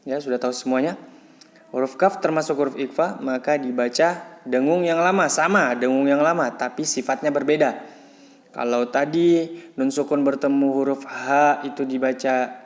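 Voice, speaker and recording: A man teaching Quran recitation rules patiently, breaking off to chant Arabic words slowly and louder. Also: medium pitch, big-room sound. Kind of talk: tajwid lesson, explaining then chanting words.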